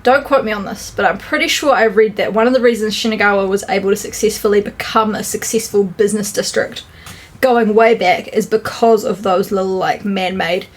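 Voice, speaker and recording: A woman's voice: medium pitch, steady tone, fairly quick. A woman from New Zealand co-hosting a vlog, chatty with many fillers and frequent laughs, out walking by a river. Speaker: vlog co-host. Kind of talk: casual chat.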